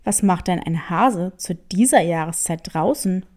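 Sly storybook tomcat, low and slow, cryptic and boastful, a woman puts him on. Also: darkish tone, close to an everyday voice.

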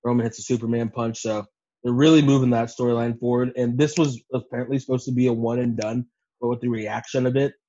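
A man with a mid-pitched voice on a slightly dull, lo-fi recording. He recaps events in loose podcast chat, acting out what others said and swearing freely. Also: flat delivery, fast talker, dark tone. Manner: swears freely, acts out quotes. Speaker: podcast co-host. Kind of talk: casual animated recap chat.

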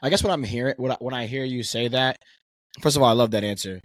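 A young man with a mid-range voice asks searching questions and hedges often with "like" and "I guess", speaking in an animated way in a casual podcast chat. The sound is dry and close. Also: mid-range voice, quick pace, no echo. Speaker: podcast co-host.

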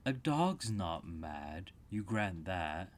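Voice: low-pitched, very animated, extremely slow, heavily acted. A narrator voicing a good-natured mad talking cat in a storybook, teasing and matter-of-fact. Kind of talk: storybook character reading.

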